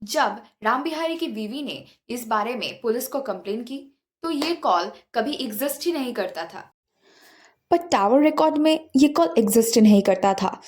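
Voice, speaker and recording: Fairly high in pitch yet darkish in tone, a woman's voice hosts and narrates scripted paranormal stories, suspenseful and dramatic, with English words mixed in.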